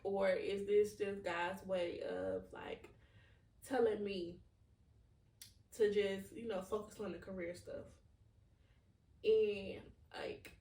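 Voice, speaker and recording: A woman in her 20s, hosting a podcast, takes her time talking through her feelings in a candid, rambling monologue full of "like." Her mellow, medium-pitched voice stays fairly even, with a slow pace and long pauses, and she sounds distant in a roomy, echoing space.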